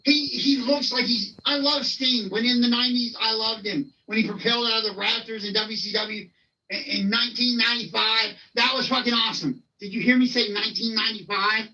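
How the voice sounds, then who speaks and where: A man with a high, bright, piercing voice rants and lectures with open scorn. He swears freely as he reacts, and the recording sounds dull and lo-fi. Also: fairly even intonation, fairly quick. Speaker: wrestling reaction host. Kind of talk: ranting commentary.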